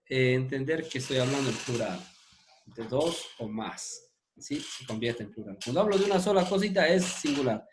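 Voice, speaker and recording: A man teaching English grammar to a class, patient and methodical, checking in with his students as he goes. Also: fairly high pitch.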